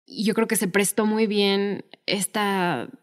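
A woman's voice: medium pitch, takes it slowly. A woman co-hosting a podcast, chatting casually and retelling film scenes with many fillers. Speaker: podcast co-host.

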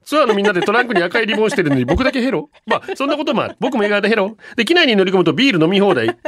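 A man's voice: high-pitched, sing-song, rapid-fire, a bit bright. A man hosting a casual radio show, playfully reading listener messages aloud with jokes. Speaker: radio station chief host.

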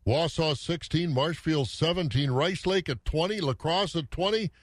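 A man's voice: fairly high pitch, moderate pace, no echo, clean studio sound. A folksy man hosting a morning farm radio show, reading out weather and market figures. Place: dry radio studio.

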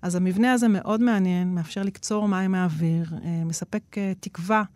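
A woman's voice: on the low side, fairly even intonation, darkish tone, no room sound. Woman explaining, dry close sound. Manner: explains at length, frequent hesitation fillers. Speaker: guest expert on nature-inspired innovation. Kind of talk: explanatory interview talk.

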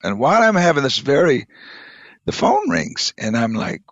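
A middle-aged bishop telling a personal faith story in an intimate, emotional way, sometimes dropping to a whisper. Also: male voice, mid-range voice, wildly swooping pitch, moderate pace, no room sound, highs cut off. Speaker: bishop and chairman.

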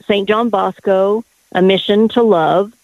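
Gravelly woman caller on a phone line. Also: mid-range voice, fairly even intonation, unhurried, no room sound. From Denver area. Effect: phone line call-in audio. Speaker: radio show caller. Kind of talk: casual chat.

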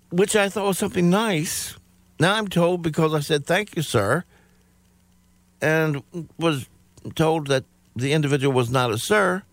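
A man's voice: high voice, fairly bright tone, dry recording. A man telling a rambling comic story, hesitant and full of self-praise.

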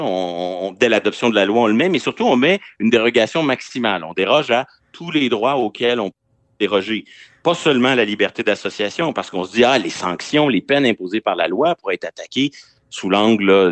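Man, Quebec French accent, radio legal analyst, conversational, explains step by step, medium pitch, very dry recording. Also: no echo. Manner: explanatory, point by point. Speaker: legal commentator, regular columnist.

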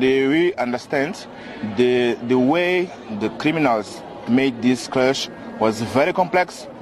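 A man speaking as a live interpreter, putting a speech into halting, hesitant English with fillers and restarts at an outdoor commemoration. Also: medium pitch, low-quality recording. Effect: live interpreter voice, rendering a speech into English. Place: outdoor commemoration event with a crowd. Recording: field recording with loud crowd. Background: crowd noise.

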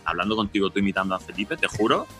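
A man's voice: lowish voice, expressive, very fast, bright, forceful tone, faint music behind. Effusive male podcast host. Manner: effusive, praising, swears casually. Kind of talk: casual chat.

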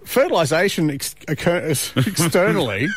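A man's voice: a little high, big pitch swings, normal speed, a little hiss or hum. A man with an Australian accent hosting breakfast radio in a studio, playful and teasing, often laughing as he talks. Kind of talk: casual radio banter.

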